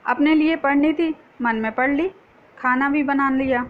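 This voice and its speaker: Gentle older housewife, read by a woman. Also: high-pitched, fairly even intonation, unhurried. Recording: dull lo-fi recording.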